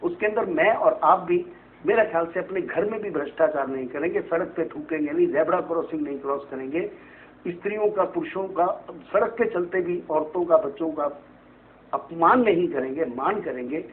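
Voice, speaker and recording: At a normal speed and a fairly high pitch, a male astrologer answers TV interview questions in a studio. His explanations run long and preachy, peppered with "right?" to seek agreement, and the sound is tinny and phone-like with faint hiss.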